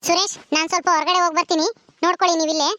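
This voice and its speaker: A woman's voice: very high voice, little pitch movement, racing, sharp tone, dry recording, studio quality. A woman playing a stern police inspector who gives curt orders. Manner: curt, commanding. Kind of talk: village family drama acting.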